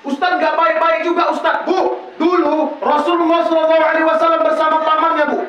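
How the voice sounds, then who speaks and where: A preacher giving a lively village sermon in a prayer house, asking rhetorical questions and answering them himself. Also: male voice, very high-pitched, brisk. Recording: very echoey room, distant mic, dull.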